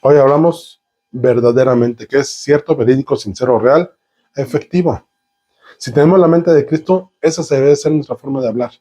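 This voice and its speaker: A man's voice: mid-range voice, moderate pace, dark tone. A man preaching a sermon, piling up synonyms and rhetorical questions and drawing the congregation in. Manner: talks with the congregation, asking them questions.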